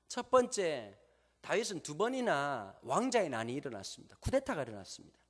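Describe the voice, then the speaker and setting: A man with a Gyeongsang Korean accent preaching a sermon to a congregation, telling stories and asking them rhetorical questions. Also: on the high side. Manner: normally talks very fast, slowing down on purpose. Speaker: pastor. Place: church sanctuary before a congregation. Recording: long church hall reverb.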